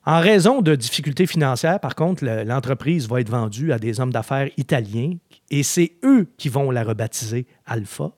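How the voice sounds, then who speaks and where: A man hosting a podcast, telling history in a lively, chatty way with filler words. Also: medium pitch, normal speed, no echo, studio quality. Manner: chatty storyteller, animated, with frequent filler words. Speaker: podcast host. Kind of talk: casual podcast chat.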